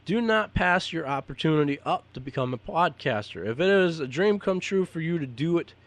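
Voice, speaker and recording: A man's voice: on the high side, lively intonation, a little fast, dry recording. Man, podcaster and dj, rambling advice, repeats himself, earnest, dry close sound. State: hiccups. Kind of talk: unscripted advice monologue.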